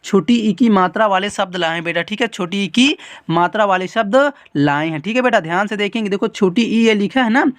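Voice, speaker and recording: A teacher hosting a children's writing lesson, patient and repetitive, calling the viewer "beta" and dragging out letter sounds slowly. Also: medium pitch, no echo. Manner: drags out letter sounds slowly when demonstrating. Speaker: teacher and channel host.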